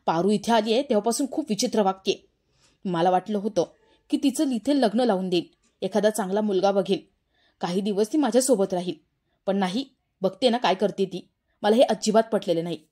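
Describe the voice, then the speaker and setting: A woman's voice: mid-range voice, fairly quick, dark tone, close to an everyday voice. A woman reading the part of a worried, stern middle-aged village father, scolding and pleading by turns in a serial recap. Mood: troubled.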